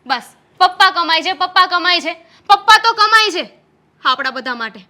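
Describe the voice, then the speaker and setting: A woman's voice: very high voice, brisk, sharp tone, heavily acted. A young woman playing a frustrated pregnant wife who scolds her husband in a family drama. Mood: anxious. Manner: scolding, reproachful.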